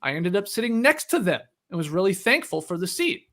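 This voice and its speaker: A man's voice: high voice, very animated, brisk, a bit bright. A man hosting a podcast, reading a listener email aloud and then chatting casually with fillers. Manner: reads steadily, then chats with filler words.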